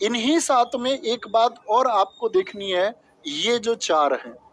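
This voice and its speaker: Guy teaching grammar for exams, slow and drawn out, keeps quizzing then answering himself. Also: high-pitched, a little hiss or hum, rough recording. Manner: explains slowly, asks students questions and answers himself. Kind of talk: exam-prep Hindi grammar lesson.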